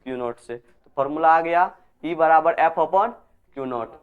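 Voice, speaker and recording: Male teacher, high smooth voice, quizzing students through a lecture on a lo-fi recording. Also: unhurried. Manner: repeats key terms as questions, scolds students. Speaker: physics teacher. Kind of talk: classroom lecture. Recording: dull lo-fi recording.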